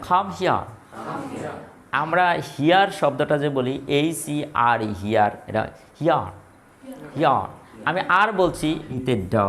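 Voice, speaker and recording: A man with a teaching English pronunciation, repeating each word and asking questions then answering them himself. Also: on the high side. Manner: repetitive call-and-response drilling, asks then answers. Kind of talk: classroom pronunciation drill.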